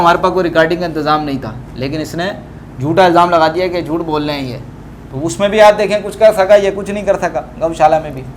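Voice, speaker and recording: Polemical male commentator, pitched high, argumentative, faint noise underneath. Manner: combative, repetitive fillers. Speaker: religious debater. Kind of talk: polemical commentary over scanned texts.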